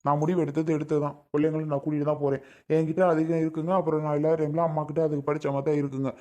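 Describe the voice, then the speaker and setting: A man's voice: fairly high pitch, little pitch movement, racing, darkish tone, close to an everyday voice. A man playing a stubborn young father who insists on taking his children with him in a family skit. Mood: determined. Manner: firm and determined, polite but unyielding.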